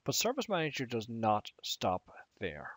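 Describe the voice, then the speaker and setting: A man giving a technical training lecture on IT management, speaking in a measured way and slowing down to stress key words. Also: medium pitch, huge pitch swings, fairly bright tone, no room sound.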